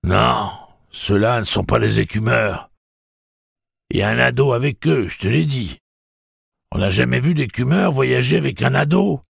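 A man voicing a very old, excitable man with a thick rustic accent who scolds and shouts. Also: mid-range voice, normal speed, creaky, slightly rough, no room sound, studio quality, pitched above the performer's own voice, heavily acted. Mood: scolding. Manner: loud, shouting, trembling with excitement.

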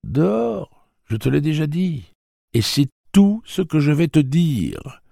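A defiant teenage boy, curt and worn out, pushed well up in pitch from a deep, gravelly reading voice, as a man puts him on. He stretches his words out in slow, emphatic bursts. The recording is close and dry. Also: animated, a little mellow, no echo.

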